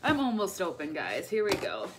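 A young woman hosting a casual livestream from home, emotional and tearful, excitable, laughing often between her words. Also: medium pitch, moderate pace, noisy background. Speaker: livestream host, direct seller. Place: at home, indoors. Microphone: phone or webcam.

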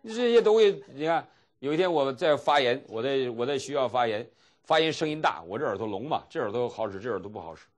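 A man's voice: mid-range voice, fast talker. A middle-aged man from mainland China, a pastor teaching a seminary class and telling stories with chuckles. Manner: animated storytelling, acting out dialogue with chuckles. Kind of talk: seminary lecture.

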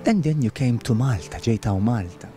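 A Maltese man in his thirties hosts a TV segment outdoors in a garden, speaking into a handheld microphone. He coaches and repeats himself, then turns sentimental. Soft music plays behind him. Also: mid-range voice, lively intonation, brisk. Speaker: TV host.

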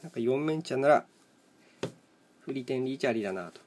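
A man's voice: medium pitch, expressive, fairly quick, darkish tone, slight background noise. A man casually commentating as he plays, thinking aloud in short, matter-of-fact fragments. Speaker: host of a solo mahjong chat video and live streamer. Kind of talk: casual rambling commentary while playing tiles.

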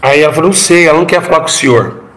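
Rapid-fire and fairly bright, this middle-aged Brazilian man with a fairly high voice recounts his emotional testimony as a former pastor. He tells it theatrically, repeating himself and prompting the crowd to repeat his words.

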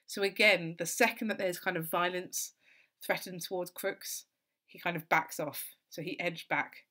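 A woman tutor giving an exam-revision literature lesson, explaining in a steady, thoughtful way with lots of "so" and "kind of". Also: on the low side, normal speed.

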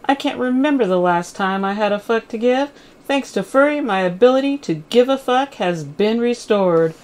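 A woman vlogger delivering a playful comic monologue to camera with deadpan jokes. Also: a little high, moderate pace.

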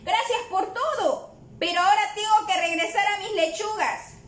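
High fretful cow lady, whiny and stubborn, a woman putting her on, echoey room. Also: normal speed. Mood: protesting. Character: fussy young female cow, stubborn and fretful.

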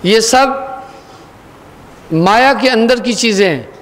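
A man giving a spiritual discourse, earnest and questioning, sometimes chanting verses slowly. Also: extremely high pitch, expressive, fairly bright tone. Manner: sings verses in slow chant. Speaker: spiritual teacher. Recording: long hall reverb.

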